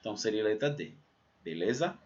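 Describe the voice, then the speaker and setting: A man from Pernambuco teaching a recorded math lesson, talking it through step by step with a lively delivery and frequent "né?" tags. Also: lowish voice, quick pace. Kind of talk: recorded exam-prep lesson. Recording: slightly dull, muffled sound.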